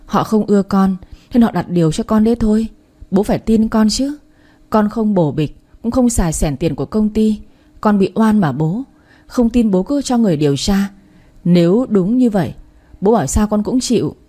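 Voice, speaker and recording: A scheming, pleading son-in-law in a storybook, read by a woman narrator. He wheedles and begs in a mellow, warm voice that stays close to the reader's own. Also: medium pitch, expressive, moderate pace, natural voice.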